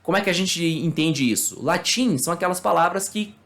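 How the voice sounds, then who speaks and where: A Brazilian man, a native Portuguese speaker, giving a casual online English lesson, explaining slowly and checking in with tag questions and fillers. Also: fairly high pitch, expressive, fairly bright tone. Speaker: English teacher.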